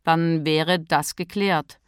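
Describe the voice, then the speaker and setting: A woman voicing a calm, formal, bearded Santa Claus in a storybook reading, unruffled and matter-of-fact. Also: on the low side, normal speed, dry recording, studio quality.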